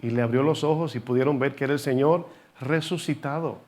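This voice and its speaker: A man's voice: medium pitch, a little fast, a little mellow. A man preaching a sermon, teaching from scripture with rhetorical questions and having the congregation repeat words after him.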